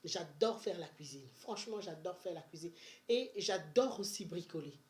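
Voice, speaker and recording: A woman's voice: lowish voice, animated, moderate pace. A woman from Benin, chatting casually in a money-saving advice vlog, full of energy, fillers and restarts. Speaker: vlogger.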